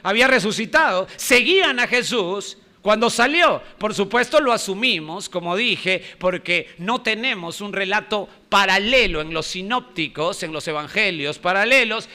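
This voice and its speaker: A man's voice: sits high, animated, moderate pace, hardly any pauses, pushed and bright. A male pastor preaching a sermon, emphatic, repeating key phrases and quizzing the congregation.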